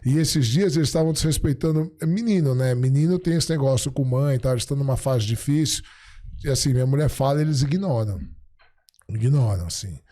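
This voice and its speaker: A middle-aged man, a podcast guest, chatting casually and telling stories, acting out the dialogue he quotes in an animated way. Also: mid-range voice, brisk. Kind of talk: casual storytelling chat.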